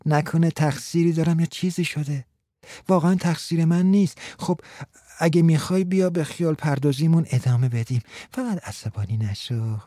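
A man's voice: on the high side, mellow, dry recording, studio quality, pitched above the performer's own voice, close to an everyday voice. A man voicing an anxious, lovesick young shop clerk in an audiobook, earnest and fretful. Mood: pleading. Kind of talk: audiobook character reading.

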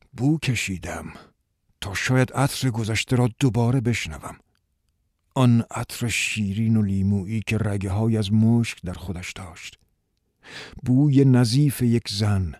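A man narrating a first-person story in a wistful, measured audiobook style. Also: on the low side, darkish tone, no room sound, clean studio sound.

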